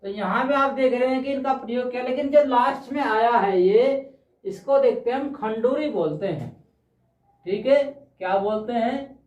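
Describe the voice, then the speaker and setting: A male teacher giving a patient, explanatory lesson, pausing often to check that his students follow and slowly repeating key words. He stands back from the mic, so his voice comes across roomy and a bit dull. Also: very high-pitched, darkish tone, far from the mic. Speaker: Hindi teacher.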